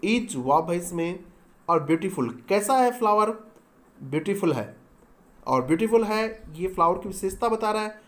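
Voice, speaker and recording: In a high-pitched voice, a man teaches grammar, repeatedly posing questions to the class and answering them himself. He spells out example sentences slowly.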